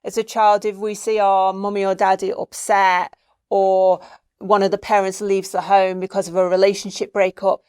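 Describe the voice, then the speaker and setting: A woman's voice: mid-range voice, little pitch movement, normal speed, a little mellow, clean tone, no room sound, clean studio sound. A woman co-hosting a podcast who talks things through in long, thoughtful questions. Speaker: podcast co-host. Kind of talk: conversational questioning.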